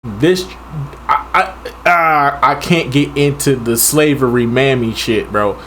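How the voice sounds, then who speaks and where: A man's voice: medium pitch, takes it slowly, fairly bright tone, slight background noise. A man co-hosting a movie reaction, ranting casually and ending his sentences with "man" or "bro.". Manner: ranting, repeats "man" and "bro" at line ends.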